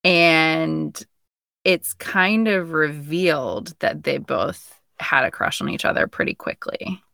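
Young woman co-host, low voice with fry, bright edge, relaxed book chat. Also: takes it slowly, no echo, clean studio sound. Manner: relaxed, thoughtful, reads passages aloud. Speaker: podcast co-host. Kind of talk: casual book discussion.

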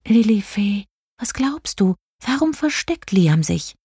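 A woman voicing a caring young female star fairy in a children's story, with a high, emotional manner. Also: sing-song, slow pace, mellow, breathy edge, dry recording, studio quality, exaggerated voice. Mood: worried. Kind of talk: audiobook character voice.

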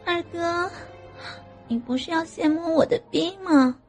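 A woman's voice: extremely high pitch, unhurried, a little mellow, soft background music, voice pushed up. A woman voicing a playful young adult younger sister with a coy, whiny teasing tone.

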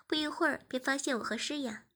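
A woman reading a story aloud in soft, even scripted narration. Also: sits high, fast. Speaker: story reader.

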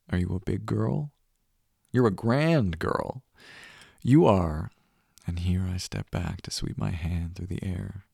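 Gravelly deep-voiced man whispering softly. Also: no echo, studio quality. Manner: soft, hushed and often whispering; tender and reassuring. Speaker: audio roleplay performer. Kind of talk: intimate second-person roleplay narration.

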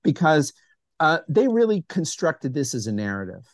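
A man's voice: fairly high pitch, very animated, moderate pace, no echo. Eager man in a dry room. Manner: enthusiastic, interjects eagerly. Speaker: podcast co-host. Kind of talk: casual philosophy discussion.

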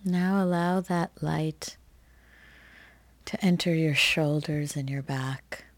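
A woman leading a guided meditation as its guide, speaking softly and soothingly with long pauses between phrases. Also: low-pitched, no room sound. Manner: soft, gentle, soothing delivery with long pauses.

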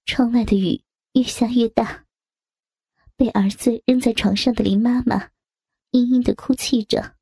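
A woman reading a scripted audio story in a soft, half-whispered way. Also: on the high side, fairly even intonation, measured pace, long pauses, husky, dry recording, clean studio sound. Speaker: narrator.

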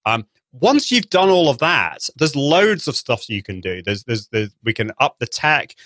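A man who works as a live video trainer is interviewed over a call, explaining things enthusiastically and restarting often. His trained singing voice is medium-pitched, very animated, fairly bright and a little slow, recorded dry.

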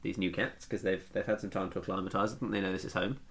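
A British man with a slightly low, creaky voice talks at a quick clip. He co-hosts a casual podcast, trading banter and wry, teasing anecdotes. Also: steady tone, fairly bright tone. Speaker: podcast co-host.

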